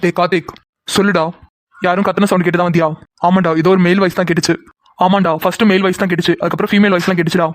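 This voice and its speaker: A man voicing several male characters in a cartoon, quick and bantering, often flirty. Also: high voice, level tone, no echo, clean studio sound. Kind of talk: Tamil cartoon voice acting.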